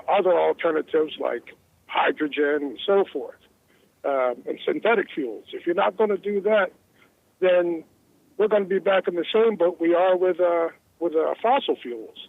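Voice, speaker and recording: A man from New Jersey with a higher, creaky voice calls in to a talk show from his car, the sound carrying the quality of a Bluetooth phone line. He's earnest and rambling, repeating words as he goes.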